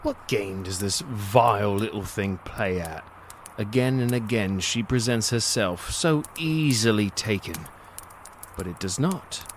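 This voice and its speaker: A male actor with a fairly low voice plays a gloating predatory monster narrating a dark fantasy audio drama, theatrical, savoring, and sardonic. He sounds intrigued and scornful, with a little hiss or hum in the recording.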